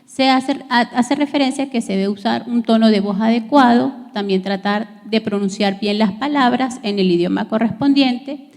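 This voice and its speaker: A woman's voice: fairly high pitch, a little mellow, big-room sound. A woman teacher giving a recorded class lesson, explaining steadily with frequent fillers and restarts.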